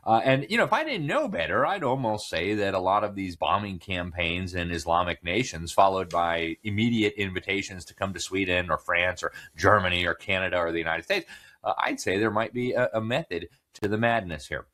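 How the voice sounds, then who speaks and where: Male interview host, deep and bright-toned, loose conversational delivery with fillers. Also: fairly quick. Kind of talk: political interview.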